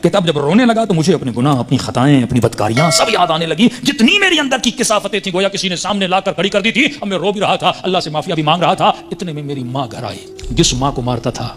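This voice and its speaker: Male preacher, higher-pitched, dramatic sermon storytelling that swells on emotional peaks. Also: a bit bright. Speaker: religious preacher.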